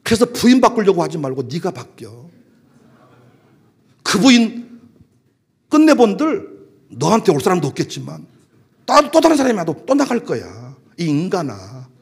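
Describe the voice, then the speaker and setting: A man with a Jeolla dialect preaches a sermon in a high, husky voice that jumps between loud, emphatic calls and quiet asides. His pitch swings widely, lively and animated. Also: moderate pace, long pauses. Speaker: pastor.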